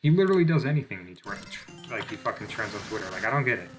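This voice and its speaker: A man's voice: on the low side, very animated, rapid-fire, music in the background. A young man giving casual gameplay commentary, rambling with lots of fillers, swearing and making fun of himself. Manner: rambling, self-deprecating, swears often, many fillers. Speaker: gaming channel host.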